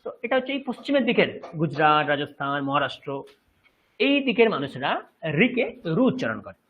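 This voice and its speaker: A Bengali-accented man teaches a Sanskrit lesson in a lively, rising and falling voice that is a little husky. He explains patiently and keeps asking if the class has understood. The audio is dull and lo-fi. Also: a little high, a little fast. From West Bengal, India. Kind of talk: online class lecture.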